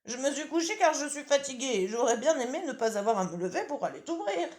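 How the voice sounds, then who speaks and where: A woman's voice: high-pitched, very animated, fast, a little mellow, voice pushed up. A woman doing a frail chatty old granny. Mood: doting. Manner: chatty, with little laughs. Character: frail, tired old grandmother, kind and chatty. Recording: roomy echo.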